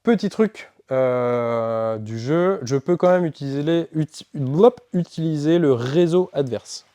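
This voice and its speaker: A man's voice: fairly high pitch, a little slow, mellow, smooth. A man walking through a board game's rules in a casual, hesitant way, with many fillers. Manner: casual, filler-heavy walkthrough with self-corrections. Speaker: board game shop presenter. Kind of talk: explaining game rules. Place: board game shop.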